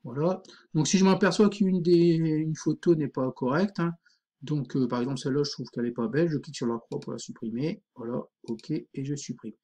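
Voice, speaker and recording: A man teaching a screen-recorded software tutorial, informal and thinking aloud, full of fillers. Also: on the high side, a little fast.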